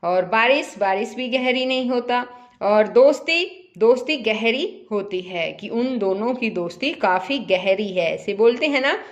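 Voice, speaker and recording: A woman's voice: fairly high pitch, expressive, unhurried, highs cut off. A woman teaching a primary-school lesson to children, patiently repeating examples and putting questions to her young pupils.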